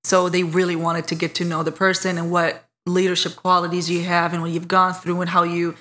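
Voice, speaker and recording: An Iraqi woman appears as a podcast guest, telling her life story in casual interview style, warm and candid and laughing at herself. Her voice is fairly low and monotone, and she talks briskly.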